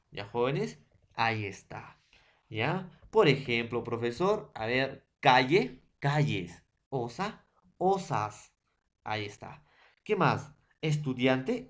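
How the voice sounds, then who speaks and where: A man with a Peruvian accent teaching a grammar lesson to secondary students, listing word pairs and checking in with the class often. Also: medium pitch. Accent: Peruvian Spanish. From Peru. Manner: lists word pairs one by one.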